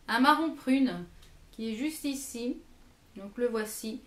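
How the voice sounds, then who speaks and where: A woman's voice: fairly high pitch, takes it slowly, echoey room. A French woman reviewing lipsticks in her own vlog, hesitant and full of fillers and repeated words. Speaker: beauty vlogger. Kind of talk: product review.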